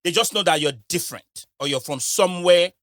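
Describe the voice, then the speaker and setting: A man's voice: high voice, fairly quick, fairly bright tone, no echo. A man in a casual studio podcast chat, emphatic and repeating phrases to drive his point home.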